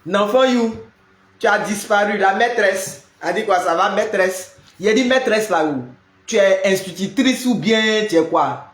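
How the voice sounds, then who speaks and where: A man's voice: high voice, unhurried, fairly bright tone. A man hosting a casual live stream from home. He greets viewers by name and scatters "là" and "hein" through his talk. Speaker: live-stream prayer host. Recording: roomy echo.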